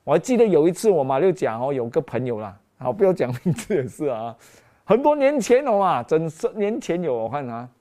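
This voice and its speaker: Pastor guy, middle-aged, warm mellow voice, storytelling sermon w lots of exclamations. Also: a little high, fairly quick. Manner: animated storytelling, frequent exclamations, mixes in English phrases. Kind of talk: sermon with personal testimony.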